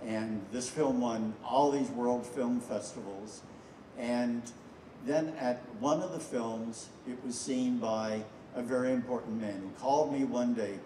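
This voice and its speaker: An older man, a filmmaker, introducing a screening to an audience with rambling anecdotes and frequent pauses. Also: mid-range voice, noisy background. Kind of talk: storytelling speech to an audience. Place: festival screening hall. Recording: echoey hall, from far off.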